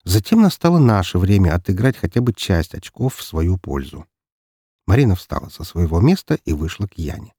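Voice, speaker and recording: A man reading a first-person audiobook in a measured, dryly ironic way. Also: sits low, sing-song, warm tone, husky, dry recording, studio quality. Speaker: audiobook narrator.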